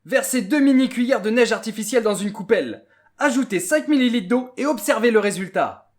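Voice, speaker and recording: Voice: mid-range voice, close to an everyday voice. Une voix qui interprète un robot de laboratoire joyeux et pétillant, qui présente avec entrain un jeu scientifique aux humains. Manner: bubbly, exclamatory, quick. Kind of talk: scripted toy demonstration.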